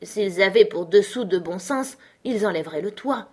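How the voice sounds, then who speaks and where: A woman voicing a curious, bold young girl in a storybook, musing aloud in a husky voice. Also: mid-range voice, expressive, moderate pace, darkish tone.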